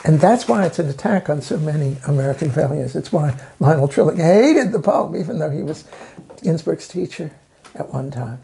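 Gravelly, husky man explaining. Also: on the high side, moderate pace. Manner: animated storytelling, emphatic, repeats words. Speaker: literary scholar interviewee. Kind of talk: documentary interview.

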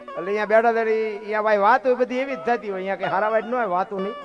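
A man's voice: high voice, steady tone, fast talker, highs cut off, faint music behind. A man telling folksy devotional stories, fervent and earthy, sometimes stretching lines into sung bhajan phrases. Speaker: dayro storyteller and bhajan singer.

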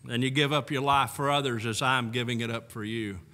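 A man in his sixties preaching a sermon from the pulpit of a church, earnest and full of rhetorical questions, often breaking into soft laughs. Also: medium pitch, fairly even intonation, brisk. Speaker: pastor. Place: church sanctuary. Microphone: pulpit microphone on a stand. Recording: long church hall reverb.

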